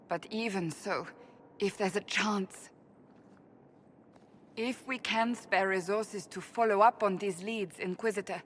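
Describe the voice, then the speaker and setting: A stern, resolute warrior. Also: female voice, on the low side. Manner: firm, formal, resolute. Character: stern woman warrior, devout and proud. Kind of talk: video game voice acting.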